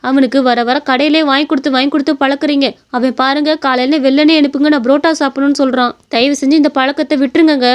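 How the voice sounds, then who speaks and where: A woman plays a strict but caring village mother in a cartoon story. She scolds firmly and talks fast in a high voice. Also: fairly even intonation, natural voice. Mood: stern. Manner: scolding, firm.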